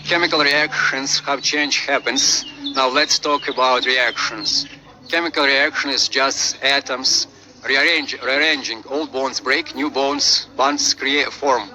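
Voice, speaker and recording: A man with a Slavic accent reading out a lesson as presenter, haltingly, often repeating and correcting his words. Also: mid-range voice, fairly even intonation, pushed and bright, slight background noise, poor audio. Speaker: presenter of a chemistry refresher. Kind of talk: lesson read from on-screen script with asides.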